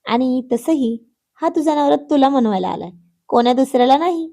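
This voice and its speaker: A playful adult husband teasing his wife with mock-stern, bossy lines, as a woman narrator voices him. The voice stays mellow and warm, with a slightly high pitch for a man. It has the feel of a read-aloud family storybook. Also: expressive, brisk. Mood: earnest. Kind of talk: acted dialogue in a read story.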